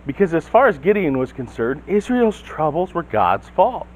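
Guy pastor giving a sermon in church, kinda higher voice, tells the story and acts out the lines. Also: sing-song, moderate pace, slight background noise, poor audio. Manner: storytelling, acts out quotes, asks the listeners questions.

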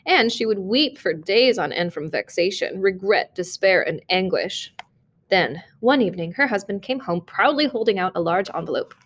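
A woman reading a short story aloud, narrating in a measured, expressive way. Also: medium pitch. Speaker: reader.

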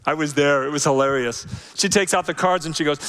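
A man delivers a sermon to his congregation, animated and conversational, dropping now and then to soft phrases. His voice sits a little high for a man. A long reverb hangs after each line in the large hall. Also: brisk, noisy background. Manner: animated, conversational preaching with sudden soft drops. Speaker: pastor. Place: large church auditorium.

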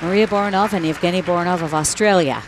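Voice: medium pitch, fast, a crowd in the background, background noise. Matter-of-fact figure skating commentator. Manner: analytical and matter-of-fact, naming elements and critiquing choices. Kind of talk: sports commentary.

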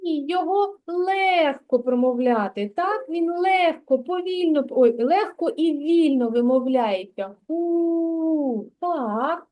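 A woman preschool teacher with a Ukrainian accent giving a slow, patient literacy lesson, sounding out words for a child. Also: sits high, dark tone.

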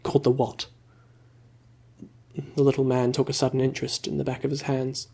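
A man reading a story aloud in a slow, calm, soothing ASMR voice, close to the mic. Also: medium pitch, gravelly. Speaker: ASMR reader.

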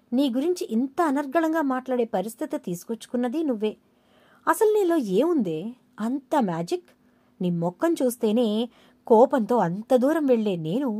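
A woman's voice: sits high, dark tone, dry recording, pitched above the performer's own voice. A woman voicing a playful, romantic young husband who coaxes and teases his wife. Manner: playful, coaxing.

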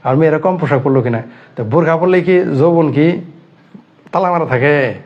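Man from Bangladesh, heated online commentator, fairly high voice, pounding rhetorical questions, dull lo-fi sound. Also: normal speed. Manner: indignant, fires rhetorical questions and repeats phrases.

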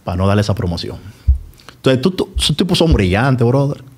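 A man's voice: mid-range voice, big pitch swings, brisk, husky. A Dominican-accented man speaking as a sports commentator on a podcast. His talk is casual and emphatic, and he repeats key words to drive home his opinions.

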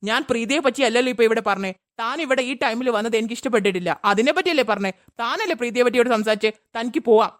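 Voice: mid-range voice, very fast, hardly any pauses, a bit bright, lightly acted. A performer voicing a curt, irritable male office boss in a cartoon. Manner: curt, dismissive.

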